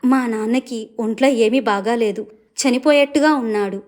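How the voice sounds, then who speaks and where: A woman storyteller voicing a gentle young woman, a devoted daughter, who speaks softly and earnestly. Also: on the high side, moderate pace, lightly acted. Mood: tearful.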